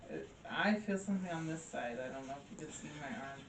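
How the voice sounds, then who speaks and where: Calm woman ghost hunter, roomy and distant. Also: low-pitched, fast. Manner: calm, reads out words heard in a spirit session. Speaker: paranormal investigator. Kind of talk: casual ghost-hunting session. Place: old former brothel building, indoors. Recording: roomy, distant mic with faint background noise.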